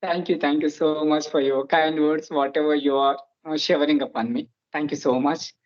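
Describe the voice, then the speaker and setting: Casual interview talk comes from a host in their 20s whose Indian accent reflects their native Telugu. They speak earnestly at a moderate pace in a steady, medium-pitched voice, often opening with "so," and the recording's highs are cut off.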